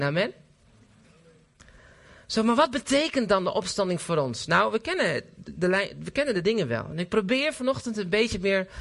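A man preaching a sermon in a church service, earnest and emphatic, often pausing with fillers and restarting his sentences. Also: sits high, a bit bright.

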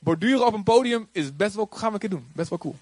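Pastor guy preaching, fairly high voice, chatty and jokey, super dry sound. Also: fast talker, no room sound. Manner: lively, conversational, jokey, acts out quotes. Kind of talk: sermon.

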